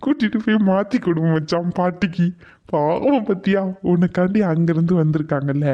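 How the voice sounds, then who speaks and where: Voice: mid-range voice, moderate pace, dull audio, lightly acted. A performer voicing a sarcastic young man in a cartoon who teases and threatens his friend. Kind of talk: cartoon voice acting.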